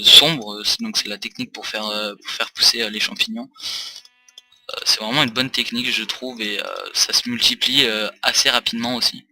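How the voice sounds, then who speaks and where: A man's voice: medium pitch, sharp tone. A tired man rambling through casual gaming commentary with many hesitations, recorded on a desk mic for a facecam. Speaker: let's play host.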